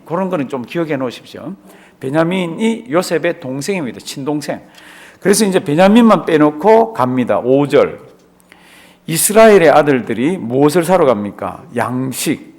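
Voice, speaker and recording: A man, a pastor, teaching a Bible study class, asking the class questions, answering them himself and repeating key words for emphasis. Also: a little high. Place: church classroom.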